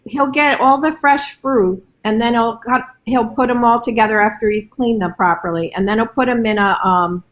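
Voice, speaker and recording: A woman's voice: a little high, moderate pace, few pauses. A woman guest on a live video call, chatting in a friendly, conversational way. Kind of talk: casual live video chat.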